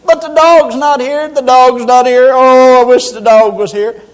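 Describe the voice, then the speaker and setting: A preacher acting out a country man hollering for his dog in a high voice. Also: fairly even intonation, measured pace, rough recording. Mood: lamenting.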